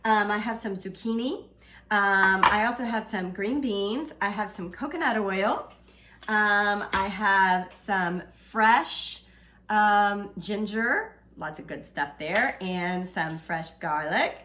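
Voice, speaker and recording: A woman hosting a casual cooking demonstration, talking in a halting way with many fillers and playful, flirty asides. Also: medium pitch, background noise. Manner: halting, filler-heavy delivery. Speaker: cooking video host.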